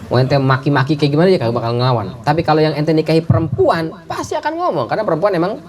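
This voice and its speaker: Lively Indonesian preacher. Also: male voice, fairly high pitch, racing. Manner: lively storytelling, acting out voices of characters. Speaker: Islamic preacher. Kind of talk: sermon.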